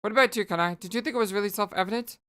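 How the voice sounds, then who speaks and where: A woman's voice: medium pitch, racing, a bit bright, lightly acted. A woman voicing a smug, scheming young female alien troll who lectures others with condescension. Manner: condescending, self-assured.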